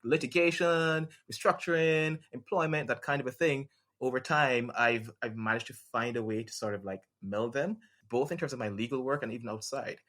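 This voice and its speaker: A man from Jamaica, a lawyer and podcast guest, talking in a relaxed way with plenty of fillers. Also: medium pitch, moderate pace. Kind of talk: casual interview talk.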